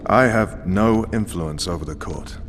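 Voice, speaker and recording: An actor voicing a blunt, commanding tough-cop commander running an interrogation in a video game. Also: male voice, low-pitched, unhurried, over music. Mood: stern, probing. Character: gruff tough male cop, stern special forces commander interrogating.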